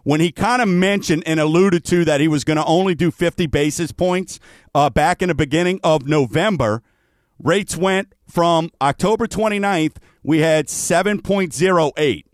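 Higher-pitched male radio host, folksy. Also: moderate pace, dry recording. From New Orleans. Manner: folksy, chatty direct address. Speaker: radio show host, mortgage professional. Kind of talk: radio talk and sponsor reads.

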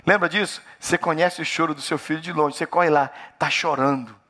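A man's voice: on the high side, steady tone, fast, bright, forceful tone. A middle-aged Brazilian man with a Brazilian Portuguese accent, preaching a sermon in a church and questioning the congregation directly. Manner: preaching with rising, emphatic repetition. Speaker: pastor.

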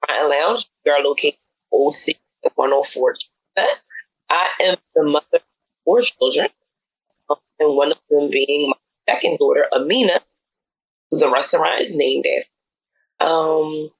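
A middle-aged woman on a video call whose audio clips and distorts on louder words. Her voice is gravelly and husky, in a close, dry sound. She answers in halting, list-like bursts, with plenty of "um"s. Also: low-pitched, dry recording, lo-fi sound. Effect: clipping, distorted mic audio. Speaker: restaurant owner, guest. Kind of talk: casual interview answers.

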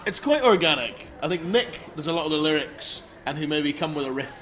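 A Scottish man, a band member, chatting in an interview in a jokey, animated way with quick laughs. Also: on the high side. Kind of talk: casual interview chat.

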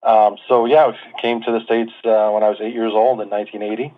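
Over a tinny phone-like line with a little hiss or hum, a Lebanese-born man in his forties speaks in a lowish, level voice at a brisk pace. As an interview guest he recounts his life in a casual, chatty, self-deprecating manner, using plenty of fillers.

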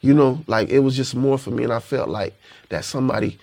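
In casual interview talk, a Panama City, Florida, rapper speaks a little fast, his high-pitched voice creaky, slightly rough and darkish in tone. The man stays laid-back and reflective and often repeats "you know what I'm saying."

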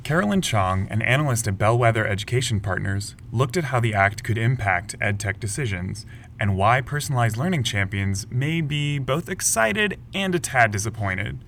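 A man co-hosting a news podcast, reading scripted headlines in a brisk, lightly wry way. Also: medium pitch, animated, fairly bright tone, a little hiss or hum. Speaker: podcast co-host.

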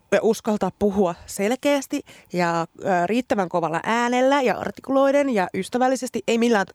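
Woman chatting casually, gets animated and laughs a lot, dry close sound. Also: no room sound. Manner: animated, laughs often, rising pitch when excited. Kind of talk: casual chat.

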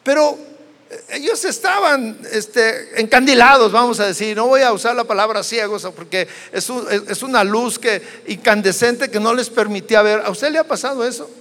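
High-voiced Mexican preacher in a reverberant hall. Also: male voice, normal speed, sharp tone. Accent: Mexican Spanish. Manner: dramatic storytelling, acting out biblical dialogue. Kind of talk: sermon. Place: church hall. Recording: long church-hall reverb.

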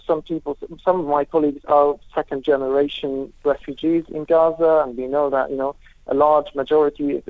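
A man from Lebanon speaks about aid work over a tinny phone line with a slightly high voice. His answers come out halting, full of restarts and repeated words, and the sound is dry and close. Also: no room sound. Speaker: humanitarian aid worker. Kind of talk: remote interview answers.

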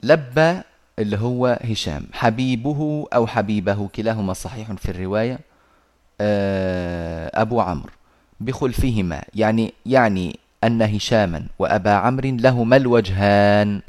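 A man teaching Quran recitation over a video call, patiently explaining and slowly reciting verses. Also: lowish voice, a little mellow.

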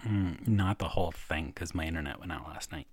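A man's voice: low-pitched, brisk, husky, no echo, studio quality. A man co-hosting a podcast in casual chat, talking hesitantly, trailing off and laughing often. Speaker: podcast co-host.

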